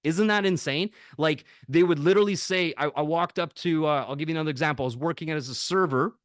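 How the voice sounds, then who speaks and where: Animated, swearing man telling stories. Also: on the high side, quick pace, no room sound, studio quality. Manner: animated, profane, laughs often while telling stories. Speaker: podcast guest. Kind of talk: casual storytelling.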